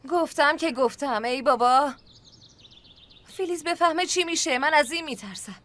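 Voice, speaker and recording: A woman's voice: high voice, fairly bright tone. An actress dubbing an anxious, stern woman of the household. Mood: worried. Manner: worried, stern. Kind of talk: Persian TV drama dubbing.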